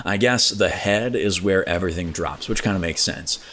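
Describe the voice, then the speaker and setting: A man's voice: deep voice, normal speed, a bit bright. A man giving casual, chatty commentary over his own gameplay, laughing often at his mishaps. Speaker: gaming video host.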